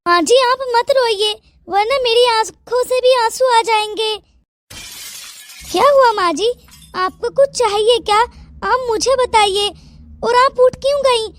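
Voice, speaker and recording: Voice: extremely high pitch, a little slow, fairly bright tone, soft background music. A voice actor playing a two-faced young daughter-in-law in a Hindi cartoon story, sugary in front of guests. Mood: sweet. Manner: sugary and polite.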